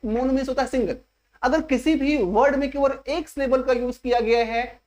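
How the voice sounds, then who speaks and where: A woman teaching an English grammar lesson in an exam coaching class. She steps through each point slowly and keeps asking the class rhetorical questions. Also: on the high side. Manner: slow and repetitive, spelling out each step.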